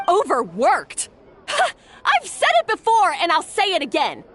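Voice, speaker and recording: A woman's voice: extremely high pitch, huge pitch swings, a little slow, fairly bright tone, heavily acted. A woman playing a haughty, domineering female head chef in a video game, snapping out commands. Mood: haughty, defiant. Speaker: game voice actor. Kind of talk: animated game voice acting.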